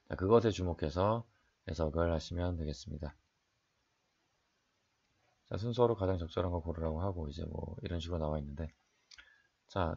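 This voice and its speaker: Male English teacher, deep fry-edged voice, steady explainer for an exam lecture. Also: muffled recording. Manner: explains sentence by sentence, reads English then translates; frequent "자" fillers, asks and answers own questions.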